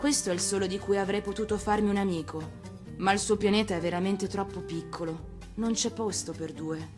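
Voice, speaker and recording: A woman's voice: mid-range voice, fairly even intonation, fairly quick, over music, lightly acted. A woman voicing a curious little boy prince in a storybook, earnest, polite and full of wonder. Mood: musing.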